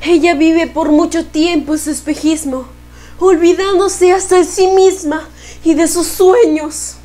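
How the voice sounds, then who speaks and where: A teenage girl with a high voice and a Peruvian accent declaims verse in a theatrical style. She takes her time, leaving long pauses and stressing words dramatically. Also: fairly even intonation, mellow. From Peru. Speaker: student reciter in a poetry contest. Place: living room at home.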